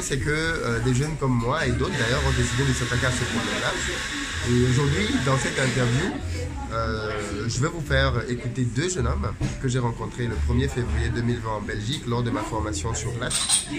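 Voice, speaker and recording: A man hosting an interview, speaking earnestly with many hesitations. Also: medium pitch. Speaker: interviewer and channel host. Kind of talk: opinionated introduction then interview. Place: café in Paris. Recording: loud music underneath.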